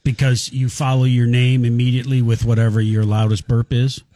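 A man's voice: mid-range voice, flat delivery, a little fast, dark tone, no echo, studio quality. A man co-hosting a radio show, asking casual, joking interview questions. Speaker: radio co-host.

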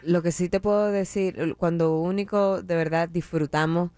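Laid-back radio co-host. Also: male voice, sits high, normal speed, clean tone, dry recording. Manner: relaxed, conversational, drops English asides. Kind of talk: casual radio talk.

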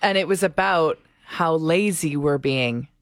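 A woman co-hosting a morning radio show talks in a quick, teasing way and laughs easily. Her voice is recorded dry and close, with no room sound around it. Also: sits low, dry recording. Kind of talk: casual morning radio chat.

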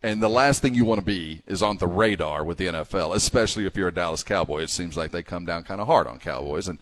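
A man co-hosting sports radio with casual talk and a halting, stammering delivery. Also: low-pitched.

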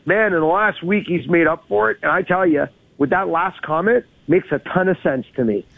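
A male golf commentator with a slightly high voice comes through a narrow, phone-like radio line. He talks casually as a co-host, laying out shots in emphatic, piled-up detail. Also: normal speed, vocal fry, no room sound. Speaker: co-host of a golf talk show.

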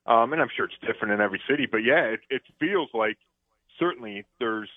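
A man's voice: mid-range voice, expressive, quick pace, no room sound. A man discussing football on sports radio, talking conversationally with plenty of fillers and restarts. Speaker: football analyst. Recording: dry phone-line audio.

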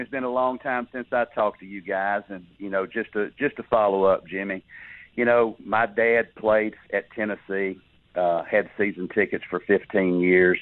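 A man's voice: on the low side, no echo, phone-quality sound. A man calling in to a sports radio show over the phone, chatting as a fan. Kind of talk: casual call-in fan talk.

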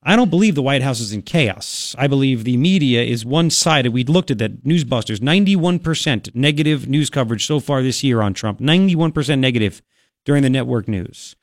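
In a clean, dry studio recording, a man with a Long Island, New York accent hosts political talk radio full of opinion. His medium-pitched voice is expressive and fairly quick, and he leans on emphatic, colloquial speech, repeating phrases for effect.

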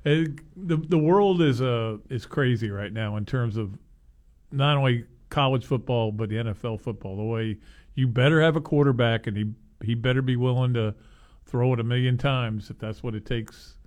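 A man co-hosting sports radio, chatting casually, often halting and repeating words as he thinks. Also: medium pitch, darkish tone.

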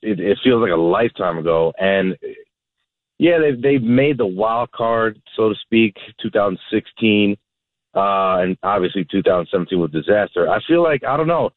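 A man's voice: lowish voice, animated, no echo. Male caller on a tinny phone line. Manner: halting, repetitive, exasperated. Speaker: caller to sports radio show. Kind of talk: casual sports fan talk.

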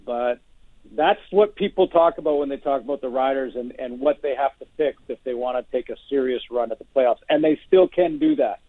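A man giving measured football analysis as a guest on a sports radio show, restarting his sentences often. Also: mid-range voice, dry recording. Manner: measured, many restarts and hedges. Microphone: phone. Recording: tinny phone line.

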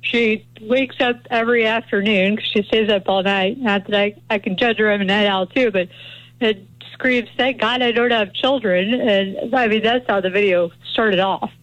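A woman's voice: medium pitch, no echo, lo-fi sound. Chatty woman lawyer on talk radio. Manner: chatty, animated, quick opinions. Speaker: criminal defense attorney, regular guest. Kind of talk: conversational talk radio guest.

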